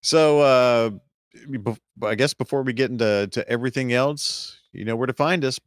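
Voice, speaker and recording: A man co-hosting a casual podcast, easygoing and quick to laugh, sometimes losing his train of thought. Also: medium pitch, smooth, no echo, studio quality. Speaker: podcast co-host.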